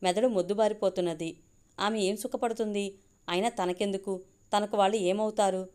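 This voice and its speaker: A woman reads a story aloud at a steady, even pace. Her voice sits at a middle pitch, neither high nor low. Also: moderate pace, clear, resonant tone.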